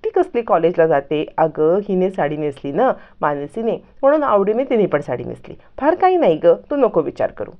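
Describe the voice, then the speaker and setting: A woman's voice: on the low side, big pitch swings, moderate pace, hardly any pauses, narrow, tinny audio. A woman voicing a mother who hastily brushes off a question to hide the truth. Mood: dismissive.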